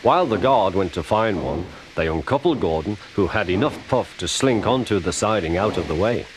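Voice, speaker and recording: A man narrating a children's storybook with expressive delivery. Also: fairly low pitch, fairly quick, noisy background. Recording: storybook music bed.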